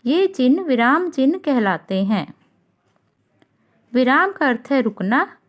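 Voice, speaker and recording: A woman teacher giving an online grammar lesson to children, explaining slowly and deliberately. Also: sits high, big pitch swings. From India. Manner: slow, deliberate classroom explanation. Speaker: school teacher.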